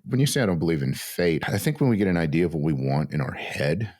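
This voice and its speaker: A man's voice: deep voice, sing-song, a little mellow, dry recording, clean studio sound. A middle-aged man from the American Southwest co-hosting a casual talk show with his wife, speaking in a reflective, thoughtful way. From West Texas and New Mexico. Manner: reflective, slow and thoughtful, with restarts. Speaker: podcast co-host.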